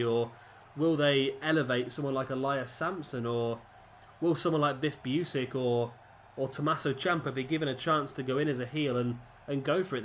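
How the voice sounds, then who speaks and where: This gaming commentator, stuffy from a cold, speaks on the high side and rambles chattily over gameplay in casual commentary. He restarts himself frequently, and a little hiss or hum runs under the audio.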